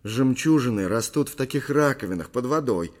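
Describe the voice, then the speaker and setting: A man's voice: mid-range voice, lively intonation, brisk, voice pushed up, natural voice. A cocky young man plays the gallant with a lifted, showy voice, as a male audiobook reader puts him on. He soothes and boasts in the same breath. His delivery leaps about with theatrical flourish. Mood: mock-grand. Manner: playful, mock-grand, reassuring.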